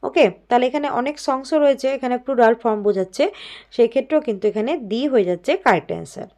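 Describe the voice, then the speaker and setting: A woman teaches an exam-prep grammar lesson in a fairly high voice. She explains each answer step by step and reads the example sentences out slowly. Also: animated, dark tone.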